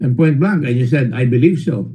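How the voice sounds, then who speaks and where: A man with a Filipino accent presides over a formal hearing in a dark, mellow voice. He presses and lectures a witness sternly, mixing English and Tagalog. He halts on fillers and repeated words, then pushes on. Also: mid-range voice, a little fast, slightly rough, low-quality recording. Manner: switches between English and Tagalog mid-sentence. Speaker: committee chairman questioning a witness.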